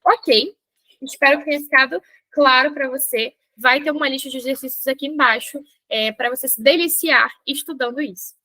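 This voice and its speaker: A young Brazilian woman with a Brazilian Portuguese accent gives an online French lesson, her voice high and bright. She chats warmly and slows down when she models each word. The sound is close and dry, with no room around it. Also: dry recording. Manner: chatty, encouraging, slows to model pronunciation. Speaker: French teacher.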